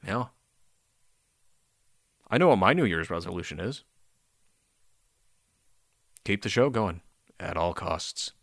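Deep, gravelly, tired man. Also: expressive, takes it slowly, long pauses, fairly bright tone, no echo, studio quality. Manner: rambling, self-deprecating, swears casually. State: very tired, sleepy. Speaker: podcast host. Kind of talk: casual solo podcast chat.

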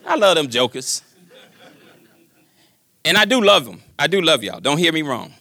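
A grandfather in his fifties preaching a sermon in a folksy, joking manner, swinging between loud declarations and quiet asides. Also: on the high side, sing-song, normal speed, dry recording. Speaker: pastor.

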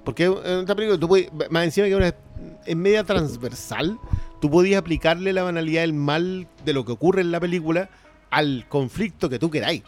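A man with a Chilean accent co-hosting a film podcast in casual chat. He is animated and often repeats words as he starts a sentence. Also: a little high, fairly quick, soft background music. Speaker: podcast co-host.

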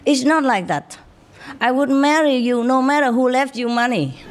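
A woman's voice: sits high, animated, moderate pace, very noisy, voice pushed up. A woman voicing a husband in a joke who protests insistently against his wife's accusation. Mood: protesting.

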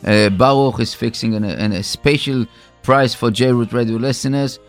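Male radio announcer, mid pitch, stumbling improvised sponsor reads, repeats phrases, music bed. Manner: halting, repetitive, circles back on phrases. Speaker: radio co-host.

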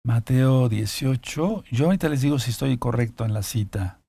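A man giving a sermon-style Bible lesson, reading scripture aloud slowly and stopping often to add asides and repeat key phrases for his listeners. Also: medium pitch, creaky, warm tone, husky, dry recording. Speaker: Bible teacher.

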